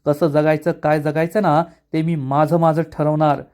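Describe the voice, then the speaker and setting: A man's voice: on the high side, little pitch movement, moderate pace, clear, resonant tone, lightly acted. A man reading the lines of a furious young man who defies and accuses his father, raising his voice. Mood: defiant. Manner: shouting, accusing.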